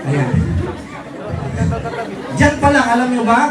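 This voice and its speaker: A man with a very high voice gives a motivational seminar talk to distributors, teasing the crowd and firing rhetorical questions. He is picked up from far off in an echoey hall. A faint crowd murmurs behind him. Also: big pitch swings, slow. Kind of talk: live motivational seminar talk mixing Tagalog and English. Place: large indoor event hall. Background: faint audience noise.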